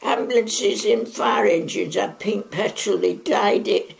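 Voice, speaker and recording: A slightly slow, gravelly woman's voice at medium pitch. In her nineties and from Manchester, she has a Mancunian accent and chats rambling through wartime memories, full of asides, during an oral history interview in her living room.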